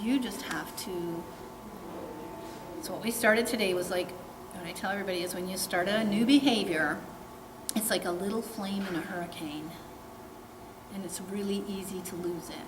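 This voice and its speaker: A woman dog trainer coaching a client in a frank, plainspoken way. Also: mid-range voice. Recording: roomy, distant, noisy background.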